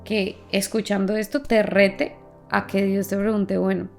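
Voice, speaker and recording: Woman podcast host with a heavily creaky voice, an animated storyteller in a faith conversation. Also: medium pitch, unhurried, soft background music. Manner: animated storyteller who laughs as she talks.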